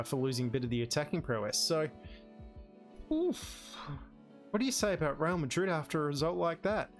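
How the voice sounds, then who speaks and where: A man commentates casually on a football management game, reading out results in a conversational way with wry exclamations. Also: a little high. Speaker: host of a gaming series.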